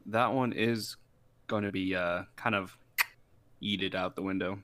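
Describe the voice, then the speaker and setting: Young male co-host, low voice, loose rambling chat, dry close mic. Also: unhurried, no echo. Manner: relaxed, rambling with fillers. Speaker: podcast co-host. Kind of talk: casual chat.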